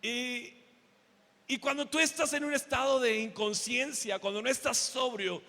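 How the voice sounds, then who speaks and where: High, gravelly Mexican pastor preaching. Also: male voice, steady tone, measured pace. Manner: preaching with rhetorical questions, swelling to shouts. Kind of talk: sermon. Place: church hall. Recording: reverberant hall.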